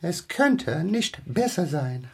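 A shifty neighbour lady putting on a fake English accent in a children's audio drama. Her voice is creaky and husky, a little high, and she drawls slowly, stammering through sugary, evasive answers. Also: big pitch swings, exaggerated voice. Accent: put-on English accent in German. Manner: evasive, stammering, overly sweet.

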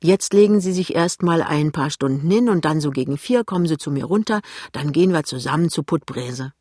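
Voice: mid-range voice, lively intonation, brisk, a little mellow, dry recording, studio quality, close to an everyday voice. An audiobook reader voicing a stern, thin female shopkeeper who gives short, firm orders. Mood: brisk, bossy. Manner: curt, commanding. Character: stern, thin older female soap seller, brisk. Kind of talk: audiobook reading.

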